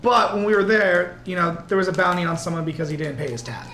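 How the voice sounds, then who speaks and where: A man's voice: high voice, fast talker, pushed and bright. A man playing a tabletop role-playing game, speaking tersely and conspiratorially in character. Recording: echoey room with faint noise.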